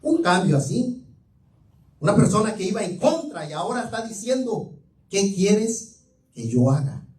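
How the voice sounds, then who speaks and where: A man's voice: high voice, a little mellow. Guy preaching in church, fervent storyteller, mic kinda far off, lots of echo. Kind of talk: sermon. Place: church sanctuary. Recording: echoey room, mic far off.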